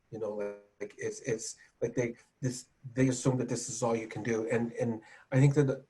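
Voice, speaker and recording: Chatty man journalist, mid-pitched. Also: a little mellow. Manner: chatty, self-deprecating, with stumbling restarts. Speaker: music journalist. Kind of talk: panel discussion.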